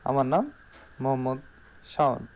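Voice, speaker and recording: A man's voice: mid-range voice, fairly even intonation, moderate pace, darkish tone. A man with a Bangladeshi accent giving an informal salesman's product showcase in voice-over, repeating key phrases for emphasis. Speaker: shop salesman.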